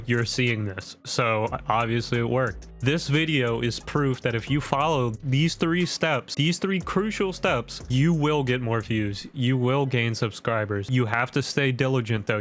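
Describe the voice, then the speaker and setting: A man's voice: mid-range voice, a bit bright. A man hosting a YouTube tutorial with wired, over-caffeinated enthusiasm, speaking emphatically in punchy phrases and rhetorical questions. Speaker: YouTube content creator and host. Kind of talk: direct-to-camera tutorial, scripted vlog. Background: background music.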